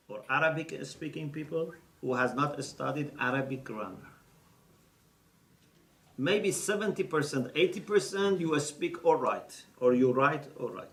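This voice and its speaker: Teaching in a lecture room, a man explains step by step and checks in with his audience. His voice is fairly high and a bit bright, recorded by a distant mic with roomy echo.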